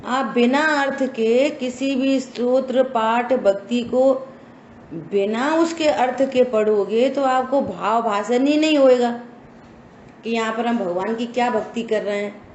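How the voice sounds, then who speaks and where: A woman's voice: on the high side, a little mellow, dull audio, a little hiss or hum. A woman giving a scripture study lesson, speaking emphatically and asking her listeners rhetorical questions. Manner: slow, emphatic instructive delivery with rhetorical questions. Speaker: religious teacher. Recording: echoey room with faint ambience.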